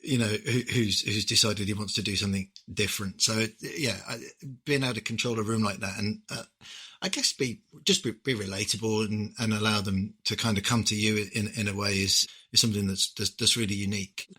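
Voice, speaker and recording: A man's voice: fairly low pitch, fairly even intonation, a little fast, pushed and bright, slightly rough. A man hosting a podcast interview, hesitant and repeating words as he asks questions. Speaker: podcast host. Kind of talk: casual interview chat.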